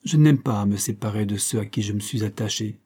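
A man's voice: fairly low pitch, a little fast, dark tone, breathy edge. A man voicing an outspoken young woman in an audiobook, speaking emphatically and with indignation. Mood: affectionate firm.

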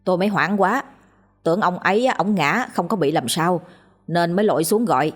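A woman voicing a village man explaining plainly and quickly what he found. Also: fairly low pitch, expressive, faint music behind.

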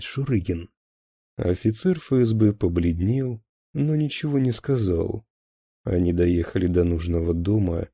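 Male narrator, thriller audiobook, steady delivery, husky tone, dry recording. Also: fairly low pitch, no room sound.

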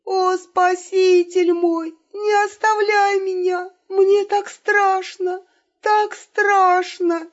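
A woman's voice: high voice, slow, mellow, lo-fi sound, pitched above the performer's own voice. A woman voicing a young woman who theatrically sobs and pleads for help, in an audiobook reading. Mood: fake sobbing pleas. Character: young woman playing a frightened damsel.

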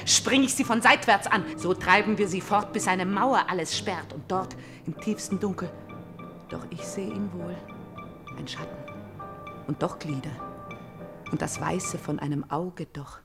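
An actress voices a haunted, vengeful young princess in a theatrical radio tragedy, declaiming intensely as she moves between hushed murmurs and outbursts. Her female voice sits on the low side and sounds natural.

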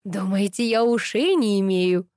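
A woman reading an audiobook, voicing a grumpy, sharp-tongued female housekeeper with a creaky, blunt, scolding manner. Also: mid-range voice, a little slow, no echo, studio quality, natural voice. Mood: reproachful.

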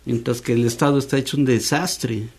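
A Mexican man hosts a relaxed university radio chat in a middle-pitched voice. He talks in a loose, easygoing way and keeps checking in with tag questions. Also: brisk, creaky, husky. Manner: chatty, frequent tag questions. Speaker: radio host. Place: radio studio.

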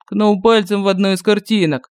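A male narrator voicing a calm, phlegmatic male turtle warrior in an audiobook. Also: high-pitched, normal speed, clear, resonant tone, dry recording, clean studio sound, natural voice. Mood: deadpan.

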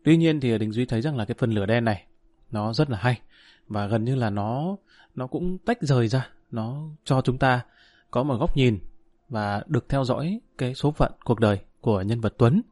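Male audiobook narrator, mid pitch, steady measured read, dry close mic. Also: no room sound. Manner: hesitant fillers when speaking to listeners.

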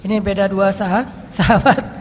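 A woman's voice: medium pitch, normal speed, slight background noise. Woman preacher, chatty storytelling talk, voice ringing in a big echoey hall. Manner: lively storytelling, chatty asides. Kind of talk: casual Islamic study talk. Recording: long hall reverb.

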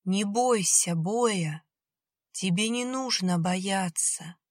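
A woman's voice: medium pitch, takes it slowly, no room sound, clean studio sound. A woman voicing a ghostly little girl spirit who coaxes and pleads in a rustling, childlike voice. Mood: pleading. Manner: coaxing, insistently pleading. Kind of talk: audiobook character voice.

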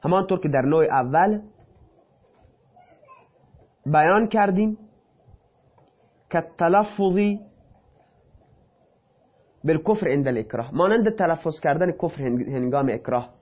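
A man's voice: a little high, expressive, long pauses, muffled recording. A man teaching a lesson who reads a passage aloud, then explains it in plain, casual speech. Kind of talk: reading and explaining a text.

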